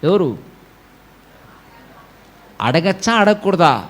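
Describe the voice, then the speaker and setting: A man's voice: high-pitched, very animated, drawn-out words, slight background noise. A man preaching a sermon to his congregation, exhorting them and repeatedly calling for them to answer aloud. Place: church.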